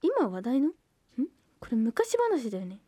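A woman's voice: on the high side, wildly swooping pitch, unhurried, warm tone, no room sound, clean studio sound, full character voice. A woman playing a puzzled schoolgirl. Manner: quizzical, muttered asides. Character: puzzled schoolgirl reading in a library.

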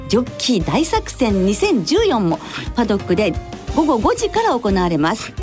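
A woman hosts a radio program with polite, formal announcements. Her voice is notably high and swings widely in pitch, over a light music backing. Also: huge pitch swings, normal speed, a little mellow. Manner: courteous, formal sign-offs and interjections. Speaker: radio show host.

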